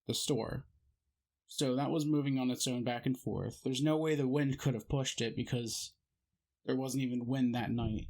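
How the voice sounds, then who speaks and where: A man telling his own eerie experiences in a casual, meandering, matter-of-fact way, as host of his channel. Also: mid-range voice. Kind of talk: casual personal storytelling.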